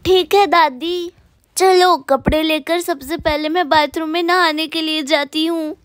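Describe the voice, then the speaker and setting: A woman's voice: very high-pitched, steady tone, unhurried. A woman voicing an impatient young college girl in a storybook tale.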